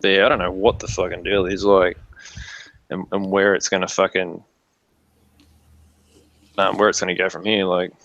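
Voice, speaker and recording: A man's voice: low-pitched, level tone, moderate pace, long pauses, fairly bright tone, slight background noise. A man chatting casually in sweary, laid-back slang. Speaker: livestream co-host. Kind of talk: casual chat. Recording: muffled lo-fi mic, roomy echo.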